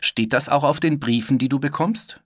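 A man's voice: medium pitch, normal speed, no room sound, clean studio sound, voice pushed up, natural voice. Wendy, a man voicing a proud little girl. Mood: curious.

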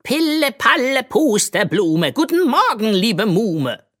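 A woman's voice: a little high, very animated, slow, fairly bright tone, voice pushed up, full character voice. A woman voicing a talking magic hat that chants silly nonsense rhymes in a sing-song way, in a children's storybook reading. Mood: silly, chanting.

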